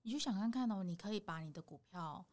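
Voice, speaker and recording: A woman speaks in Taiwanese Mandarin at a medium pitch. She explains product features as an interview guest would, conversationally, with repeated little affirmations along the way. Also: animated, fast, a little mellow. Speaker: podcast guest, product owner at a securities company.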